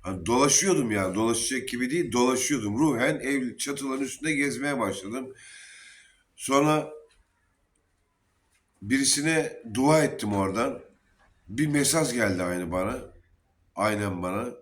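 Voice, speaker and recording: Man, mid pitch, earnest storyteller recounting his experience at a lodge gathering, slight background noise. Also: normal speed, pauses often. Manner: earnest, emotional storytelling with quoted dialogue. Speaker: Sufi disciple telling his story. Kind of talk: casual spoken testimony.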